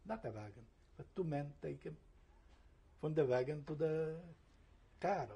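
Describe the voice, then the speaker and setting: An elderly man gives oral history testimony in slow, halting, broken English. His voice is gravelly and very husky, dark in tone and pitched a bit above his peers. He stops to hunt for words and drops into German and Hebrew when English fails him. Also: lively intonation. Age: 70s. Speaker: Holocaust survivor giving testimony.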